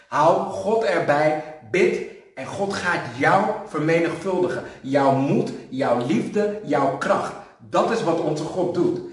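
A man giving a sermon, telling personal stories, building up to loud emphasis and dropping to soft, quiet moments. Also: on the high side. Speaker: preacher. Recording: echoey hall, voice from some distance.

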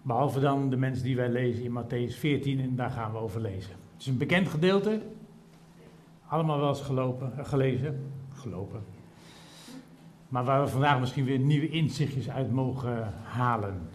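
A middle-aged preacher in a church service that is also streamed to people at home. His voice sits at a medium pitch for a man. He starts soft and measured, then rises into loud, repeated, emphatic lines. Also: slight background noise. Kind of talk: sermon with Bible reading.

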